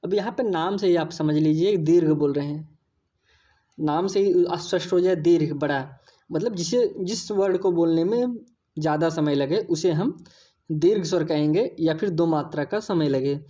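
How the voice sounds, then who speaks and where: A woman's voice: sits low, normal speed, warm tone, muffled recording. A woman teaching an exam-prep lesson, explaining patiently, repeating key points and addressing viewers as friends.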